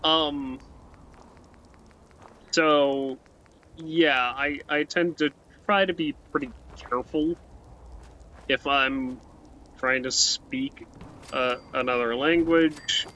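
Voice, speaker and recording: In a mid-range, fairly even voice with a sharp edge, the man speaks slowly and leaves long pauses while casually commenting on the game he's playing as a let's play host. He rambles, restarts sentences, and often tags on "right?". The sound is muffled with a faint hiss.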